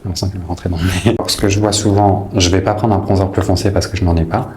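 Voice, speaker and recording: Man, lowish voice, chatty teasing makeup-tutorial host, faint background hiss. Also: fairly even intonation, quick pace, darkish tone. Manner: chatty and teasing, with playful asides.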